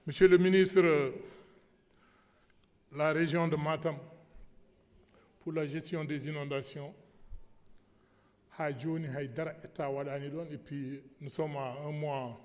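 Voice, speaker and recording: Male deputy, Senegalese accent, fairly high-pitched, emphatic parliamentary oratory with repetition, long hall reverb. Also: little pitch movement, a little slow, long pauses, a little mellow. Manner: emphatic, repeating himself for stress. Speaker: member of parliament. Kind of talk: parliamentary speech switching between French and Pulaar. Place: large parliamentary assembly hall.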